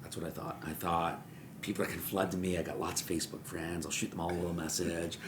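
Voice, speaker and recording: A man, a mortgage broker, telling stories in a podcast interview, animated and repeating words as he acts out what people said. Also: low-pitched, quick pace, background noise. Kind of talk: storytelling interview chat. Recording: roomy echo.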